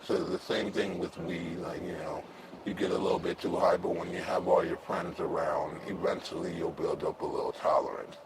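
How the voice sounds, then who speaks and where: A man in his thirties, an anonymous interviewee whose voice is altered and pitched down to disguise him, speaking candidly and haltingly with fillers and restarts. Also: little pitch movement, very noisy. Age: 30s.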